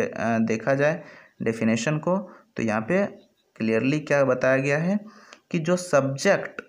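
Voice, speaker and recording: A man with a Hindi accent teaching an English grammar lesson over slides, explaining step by step and often checking in with his students. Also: mid-range voice. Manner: explanatory, repeats "ठीक है" often.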